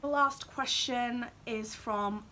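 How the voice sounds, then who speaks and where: Chatting loosely to camera, this vlogger in her 20s, from Wales and Australia, leans heavily on "like." Her slightly high voice is slow, bright, and forceful, and there's slight background noise.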